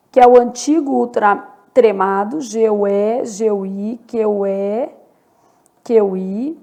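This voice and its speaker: A woman with a warm, slightly high, creaky voice teaches Portuguese in an online exam-prep lesson, explaining step by step and checking in with the viewer often.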